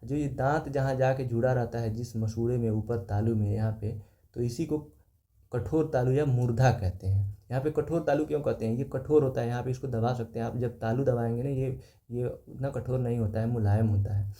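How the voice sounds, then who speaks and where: A man's voice: medium pitch, steady tone, a little fast, mellow. Man teaching, explaining step by step. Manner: explains step by step, repeats key terms, points at the page. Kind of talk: exam-prep lecture, reading questions and explaining answers. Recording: echoey room.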